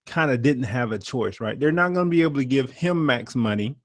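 A man co-hosting a podcast, talking sports in an animated, slangy, joking way. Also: medium pitch, a little fast, no room sound, studio quality. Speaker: podcast co-host. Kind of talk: casual chat about sports.

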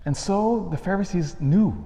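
A man's voice: high-pitched, moderate pace, dark tone. Priest preaching in long cathedral echo, man's voice. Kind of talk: scripture reading and homily. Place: large reverberant church.

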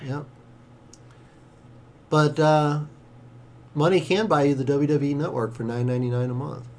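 A man's voice: a little high, steady tone, normal speed, darkish tone. A man co-hosting a casual watch-along, recapping wrestling history with dry jokes.

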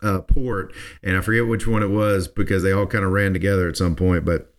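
A man's voice: low voice, fairly even intonation, fairly quick. A man from South Georgia, hosting a podcast in casual, rambling chat full of restarts. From South Georgia, USA. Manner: rambling, folksy, with many restarts. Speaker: podcast host.

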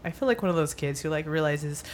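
A woman's voice: sits low, fast talker, a little hiss or hum. A woman co-hosting a podcast in casual chat, telling stories with lots of laughter. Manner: giggly, animated storytelling. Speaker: podcast co-host.

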